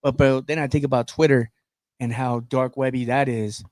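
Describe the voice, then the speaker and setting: A man co-hosting a loose podcast, trading crude jokes in an easygoing way. His voice sits at an ordinary middle pitch. The sound is dry and close, with no room echo. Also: steady tone, moderate pace. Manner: crude, joking, bursts into loud laughs. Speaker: podcast co-host. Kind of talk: casual chat.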